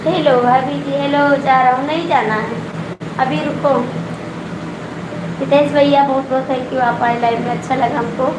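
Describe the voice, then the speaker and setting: A woman's voice: sits high, fairly even intonation, normal speed, long pauses. A woman with an Awadhi accent hosting a phone live stream, teasing viewers and coaxing them to comment. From Awadh region, India. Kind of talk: casual chat with live viewers. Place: room with a running air cooler. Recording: echoey room, loud cooler noise.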